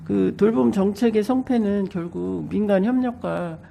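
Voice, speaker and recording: Female councillor, congested with a cold, heavy fry in a dark tone, measured and courteous formal questioning. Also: medium pitch, slight background noise. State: stuffy nose from a cold. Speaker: council committee member asking questions.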